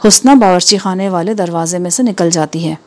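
A woman reading a story aloud. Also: on the low side. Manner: even, measured narration. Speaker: narrator.

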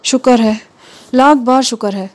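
A woman's voice: fairly high pitch, darkish tone, pitched above the performer's own voice, close to an everyday voice. Woman doing a fretful, anxious woman in a story. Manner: fretful, pleading. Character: anxious woman fearing for her arriving relative.

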